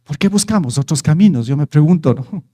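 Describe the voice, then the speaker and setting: High-pitched, mellow male preacher. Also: animated, fairly quick. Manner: conversational, asks the listeners rhetorical questions; reads scripture aloud and retells it. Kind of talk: sermon.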